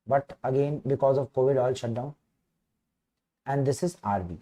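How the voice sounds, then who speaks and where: A man with a north Indian accent giving an informal live online medical lecture, repeating phrases, checking in with students and often clearing his throat. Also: medium pitch, moderate pace, warm tone. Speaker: medical teacher.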